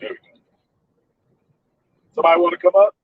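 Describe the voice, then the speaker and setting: A man's voice: high-pitched, steady tone, fairly quick, no echo, recorded from a distance, narrow, tinny audio. A man vlogging live from his car, talking casually and calling on his viewers to reply. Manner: chatty, keeps calling on viewers. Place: in a car while driving.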